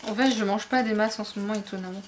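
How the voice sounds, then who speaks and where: A woman's voice: medium pitch, steady tone, quick pace, noisy background. A young woman chatting casually to camera while unboxing a book box at home, with lots of fillers and restarts. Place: at home, indoors.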